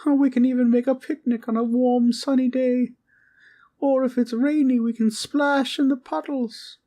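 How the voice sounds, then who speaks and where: In a warm, playful mood, a woman with a high-pitched, mellow voice speaks at a normal pace with fairly even intonation. She's voicing a little teddy bear guardian for a comfort roleplay, kindly, sweet and polite. Its old-fashioned, courtly wording carries a gentle bedtime calm.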